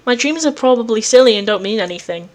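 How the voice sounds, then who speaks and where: A woman reading the lines of a shy, sweet young troll girl with cat ways, in a soft, wistful, apologetic manner. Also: a little high, animated, fast, lightly acted.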